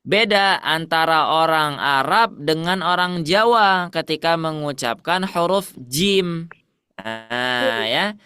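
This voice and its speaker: A man's voice: on the high side, slow, bright, forceful tone, smooth, no echo. A man teaching Quran recitation to a class, asking questions and repeating the answers.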